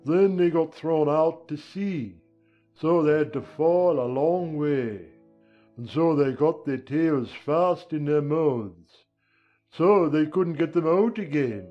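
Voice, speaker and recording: A man's voice: a little high, takes it slowly, highs cut off, faint music behind. A man voicing a solemn, impatient male Gryphon who bosses others around, in a dramatized audiobook. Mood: explaining. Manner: blunt, impatient, bossy.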